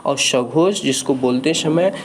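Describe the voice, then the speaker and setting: A man's voice: medium pitch, measured pace, slight background noise. A man teaching Hindi grammar in an online exam-prep lesson. He explains each point patiently and keeps checking in with "ठीक है".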